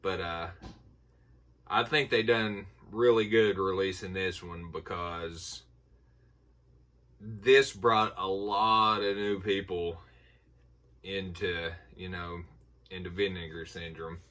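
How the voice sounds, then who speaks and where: Middle-aged man, deep voice, Appalachian hillbilly accent, informal vlog rambler, recorded at a distance from the mic. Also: fairly even intonation, slow, long pauses, bright, forceful tone. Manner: folksy, informal. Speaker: movie collector showing a haul. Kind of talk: casual rambling haul vlog.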